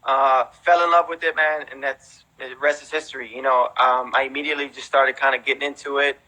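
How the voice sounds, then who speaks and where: On a rough recording, a man in his thirties talks fairly quickly in a sharp, mid-range voice with little pitch variation. Born in Mexico and raised in Houston, he has an American accent and is a veteran breakdancer appearing as an interview guest. He tells his stories casually, leaning on tags like "you know" and "man."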